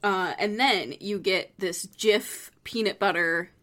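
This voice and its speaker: A woman's voice: medium pitch, a bit bright. Female podcast co-host, casual and chatty, easy laughter. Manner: chatty, giggly, quick asides.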